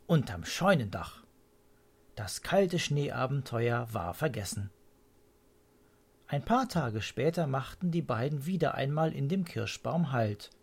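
A storyteller reading a children's story aloud in an expressive, unhurried way. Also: medium pitch, slightly rough.

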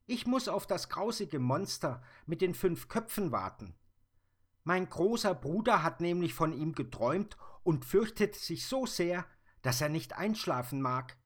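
A man voicing a bold, cheeky little girl in a high, lively storybook voice. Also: measured pace.

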